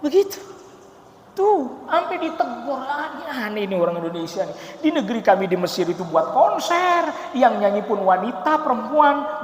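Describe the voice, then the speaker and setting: A man preaching at a mosque study session, telling stories lively and acting out the quotes himself. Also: extremely high pitch. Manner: lively storytelling with mimicked quotes. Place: large mosque hall. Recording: echoey hall, faint ambience.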